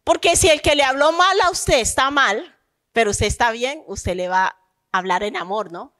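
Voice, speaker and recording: A woman pastor, preaching a lively sermon. She asks the congregation questions and acts out believers' complaints. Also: fairly high pitch, normal speed.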